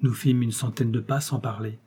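Guy reading an old novel aloud, expressive storytelling, mellow voice kinda breathy. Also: medium pitch, normal speed. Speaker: audiobook narrator. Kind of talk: audiobook narration of a classic novel.

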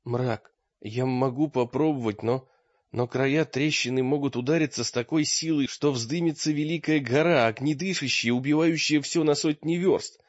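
A man's voice: mid-range voice, moderate pace, dry recording, natural voice. Young wizard voiced by a man, hesitant, worried, audiobook, dry, dull sound. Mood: anxious. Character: young anxious male apprentice wizard.

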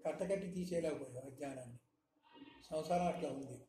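A man giving a spiritual discourse, teaching with frequent rhetorical questions in a measured, emphatic manner. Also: a little high, mellow. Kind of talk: satsang discourse. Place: hall in Hyderabad. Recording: echoey room, faint noise.

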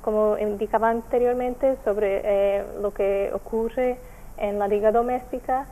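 A woman from Portugal with a Portuguese accent, speaking Spanish as a second language, answering interview questions with many pauses and fillers. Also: medium pitch, steady tone, dark tone, a little hiss or hum, low-quality recording. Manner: hesitant, many fillers and restarts. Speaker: NGO representative.

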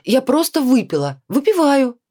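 A woman's voice: high-pitched, sing-song, normal speed, warm tone, pitched above the performer's own voice. A woman reading a storybook voices a drunk, despairing 42-year-old woman who whines and pleads. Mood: defensive. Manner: whiny, pleading, self-pitying.

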